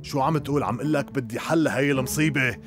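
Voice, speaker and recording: A man's voice: mid-range voice, fast, music in the background, lightly acted. A man dubbing a worried older man buried in debts, groaning and exasperated, in a TV drama. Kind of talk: dubbed TV drama.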